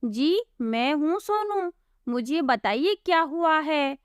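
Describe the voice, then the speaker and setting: A woman's voice: high voice, animated, takes it slowly, dry recording, clean studio sound, pitched above the performer's own voice. A woman doing an honest bewildered poor laborer. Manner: bewildered, protesting innocence.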